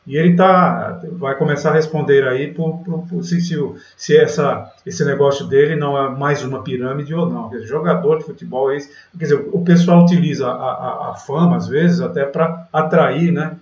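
Commenting on a screen share of market charts, a Brazilian day trading host speaks at medium pitch and normal speed with few pauses. His talk is chatty and packed with fillers like "galera" and "né", captured on a dull, distant lo-fi mic in a roomy space.

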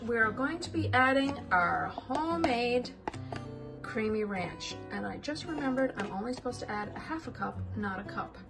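A woman's voice: medium pitch, creaky. A woman hosting a home cooking video, chatty and upbeat, talking viewers through a recipe as a casual tutorial. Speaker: cooking channel host. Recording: music playing underneath. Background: background music.

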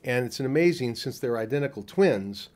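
A man's voice: mid-range voice, animated, brisk, a little mellow. An older man, a film producer, answering interview questions at a convention with many fillers and restarts, into a handheld mic. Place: convention room before a poster wall. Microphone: handheld mic held by the interviewer.

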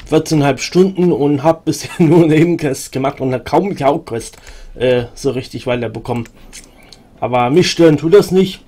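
A man's voice: a little high, normal speed, mellow. Rambling German man streaming a game. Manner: rambling, many fillers and restarts. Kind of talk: let's play commentary, reading game text aloud.

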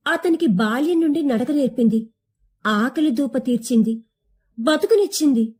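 A woman's voice: sits high, normal speed, darkish tone, breathy edge. A young woman reading a short story aloud in a somber, emotive manner. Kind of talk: scripted narration of a short story.

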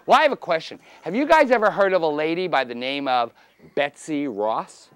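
A man works a children's party as a magician, with a high voice that swings widely in pitch. He is exuberant and theatrical, pitching playful patter at young helpers and often getting loud. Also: animated, brisk, clear, resonant tone, dry recording. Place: children's library room, performing before seated kids.

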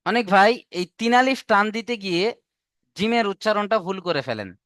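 A man's voice: high voice, lively intonation, moderate pace, a bit bright, no room sound, studio quality. A man teaching an online Arabic alphabet class, patiently repeating each letter, drawing out the sounds and quizzing his students. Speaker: Quran reading teacher.

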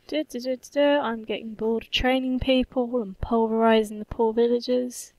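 A woman's voice: a little high, steady tone, moderate pace, darkish tone, no room sound. A woman giving casual gameplay commentary, playful, cheerfully swearing and humming to herself. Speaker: gaming channel host.

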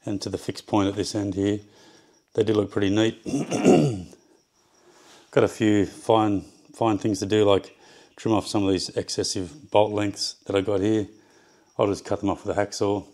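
Low-voiced man in his garage. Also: steady tone, darkish tone. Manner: halting, lots of ums and restarts while measuring. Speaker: home builder showing his project. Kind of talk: casual workshop walkthrough. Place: home garage workshop.

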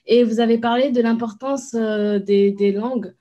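A woman's voice: on the high side, fairly even intonation, moderate pace, mellow, muffled recording. Polite, hesitant young-sounding woman host. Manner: polite, hesitant questions with many fillers. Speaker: student host. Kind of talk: moderating an online Q&A.

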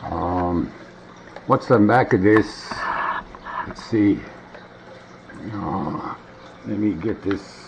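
A middle-aged man shows off a vintage gadget at his wooden table at home, speaking very slowly with vocal fry and long pauses. His voice is fairly low in pitch, and his casual demonstration rambles and mutters. The home camera recording sounds dull and noisy.

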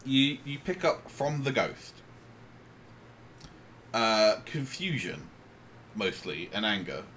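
A man's voice: lowish voice, big pitch swings, takes it slowly, a bit bright, slight background noise. A man running a tabletop game as game master, narrating casually, teasing the players and swearing freely.

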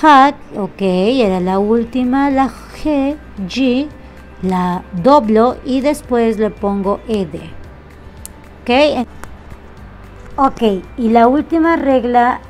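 Slow, patient high-voiced woman teacher. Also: soft background music. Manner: patient, slow, repeats each example with frequent "ok?" checks. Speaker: English teacher. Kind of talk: explaining grammar rules to students.

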